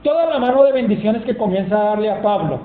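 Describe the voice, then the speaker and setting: A man delivers a sermon with emphatic storytelling, reading scripture passages aloud in a high voice. The sound is thin and phone-like, bouncing around a roomy church hall with a faint hiss behind it. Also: expressive, fast. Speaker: preacher.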